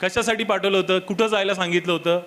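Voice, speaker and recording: Bright, high-voiced man preaching. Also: fairly even intonation, quick pace. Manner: emphatic, with rhetorical questions and repeated reminders to the listeners; switches briefly into English for key points. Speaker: pastor. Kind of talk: sermon. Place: church service.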